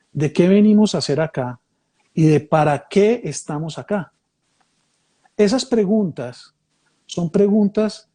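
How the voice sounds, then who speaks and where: A man's voice: sits high, mellow. A man, born in Mexico and raised in Colombia, thoughtfully explaining ideas in a conversation, often rephrasing and repeating phrases. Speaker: speaker leading a reflective conversation.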